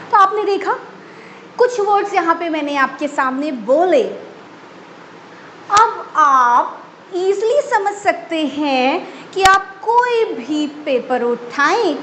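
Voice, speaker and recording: A woman teacher giving a spoken English lesson, slowly drawing out English words to demonstrate them. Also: high voice, a bit bright. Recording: echoey room with faint background noise.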